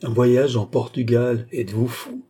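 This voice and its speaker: A man's voice: medium pitch, a little slow, warm tone, slightly rough. A man voicing a proud impostor ambassador who is dignified but easily alarmed. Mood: agitated. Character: proud, nervous male impostor posing as an ambassador.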